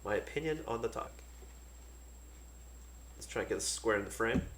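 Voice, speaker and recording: A man casually talking through a board game unboxing, relaxed and thinking aloud with many fillers. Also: on the low side, normal speed, echoey room, a little hiss or hum.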